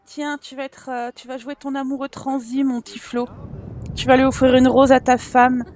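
A woman's voice: high-pitched, flat delivery, normal speed, a little mellow, slight background noise. A young woman chatting casually over her gameplay, talking to her characters and giggling often. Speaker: gameplay YouTuber. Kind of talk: casual let's play commentary.

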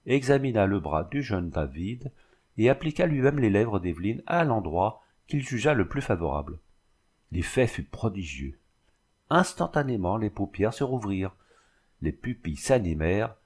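A man reading a novel aloud as an audiobook narrator, in a measured, even way. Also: lowish voice, husky. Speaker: audiobook reader.

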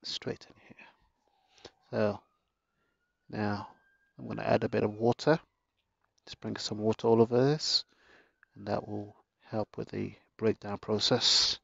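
A man giving a casual how-to narration in his garden, relaxed and chatty with jokey asides, recorded on a handheld phone. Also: fairly low pitch, unhurried, vocal fry, long pauses, slightly rough, no room sound, highs cut off. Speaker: gardening vlogger. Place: home garden, outdoors.

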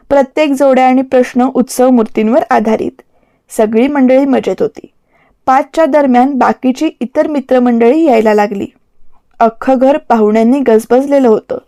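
A woman narrating a romantic story as an audiobook voiceover, steady and expressive. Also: fairly high pitch, no echo, studio quality.

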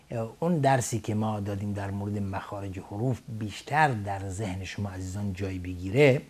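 A man teaching Quranic recitation on a television lesson, speaking in a measured, formal way with frequent hesitation fillers. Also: fairly low pitch, darkish tone. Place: TV studio.

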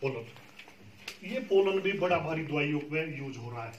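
With a fairly high pitch and an animated delivery at normal speed, a man patiently teaches beekeeping to farmers and keeps checking they follow along. The recording is muffled and echoey, made far from the mic, with heavy background noise.

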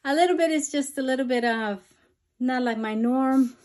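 A woman's voice: sits high, normal speed, a little mellow. A woman making a casual budgeting vlog, chatty and a little out of breath, saying "you guys" over and over. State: a bit out of breath. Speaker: budgeting vlogger. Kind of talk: casual chat to camera.

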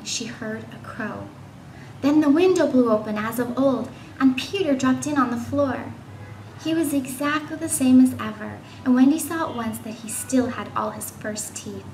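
A woman giving an informal read-aloud of a classic children's novel, voicing the characters gently. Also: sits high. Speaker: reader. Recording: echoey room with faint noise.

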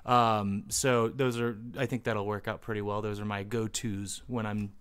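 A man's voice: fairly low pitch, level tone, moderate pace, a bit bright, smooth. A man, a musician guest, chatting casually about music.

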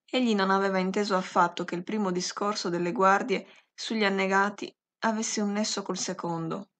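A woman narrating a classic novel as an audiobook, reading in a slow, measured and expressive way. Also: medium pitch. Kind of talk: scripted literary audiobook narration.

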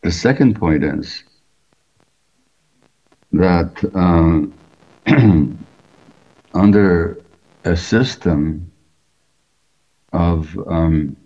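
An older man who grew up in Hungary, a physician answering interview questions over a video call in a measured, explanatory way, often posing rhetorical questions. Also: sits low, warm tone. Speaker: physician and author. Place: indoor room at home. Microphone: video call webcam. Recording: dull lo-fi video call audio.

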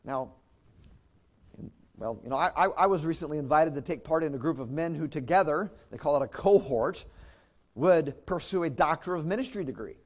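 A man's voice: on the high side, moderate pace. A man preaching a sermon as pastor, in a conversational way with chuckles and restarts.

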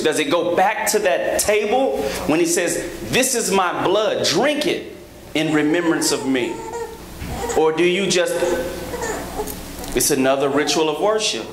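A man in his thirties preaching a sermon from a church pulpit on a handheld microphone, rhythmic, rising to emphatic high peaks, with joking asides to the congregation. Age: 30s. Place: large church sanctuary, at a pulpit. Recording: echoey church hall with background noise.

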